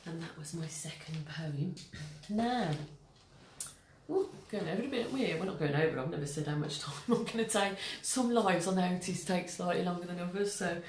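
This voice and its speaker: A woman's voice: on the low side, moderate pace, a little mellow, roomy sound, a little hiss or hum. A woman hosting a casual live stream, reading her poem and chatting with many fillers and laughs. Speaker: host reading poetry.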